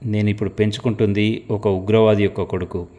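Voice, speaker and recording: A man reading as a cold, calculating woman agent in an audio story, calm and quiet, her lines low and even. She sounds controlled and unbothered. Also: fairly quick, close to an everyday voice. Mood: cool, steely. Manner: calm and quiet, flaring to shouts.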